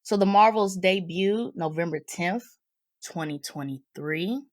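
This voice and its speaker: A woman with a low voice hosts a casual review podcast. She speaks in a slangy, conversational style. The sound is close and dry, with little room around her. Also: measured pace, no echo. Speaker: podcast host.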